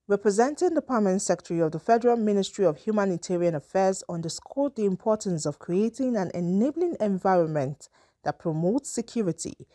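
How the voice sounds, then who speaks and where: A woman's voice: medium pitch, animated, brisk, mellow, no room sound, clean studio sound. A woman with a Nigerian accent reading a scripted news report as a reporter.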